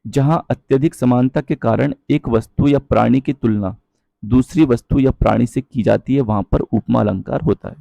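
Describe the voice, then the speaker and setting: A man teaching a Hindi grammar lesson, explaining patiently, checking in with his viewers often and reciting verse lines slowly. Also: medium pitch, creaky, mellow, no room sound, lo-fi sound. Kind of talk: online exam-prep lesson.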